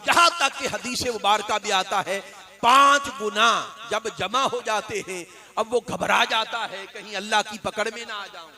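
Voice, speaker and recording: High, piercing impassioned male preacher. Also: moderate pace, sharp tone. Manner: impassioned, builds to fervent chanting emphasis; quizzes the audience with call-and-answer questions. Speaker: Islamic scholar and preacher. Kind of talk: devotional sermon.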